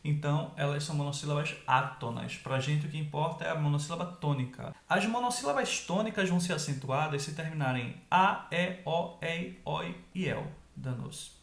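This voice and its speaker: A man teaching an online grammar lesson, explaining step by step and checking in with quick tag questions. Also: fairly high pitch, vocal fry, reverberant.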